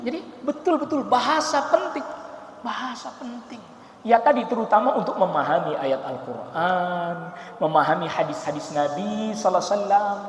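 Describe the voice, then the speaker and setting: Guy giving a mosque talk, animated storytelling voice, roomy echo all around. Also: sits high, slight background noise. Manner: lively storytelling with mimicked quotes. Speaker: preacher. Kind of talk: mosque study sermon. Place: large mosque hall. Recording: echoey hall, faint ambience.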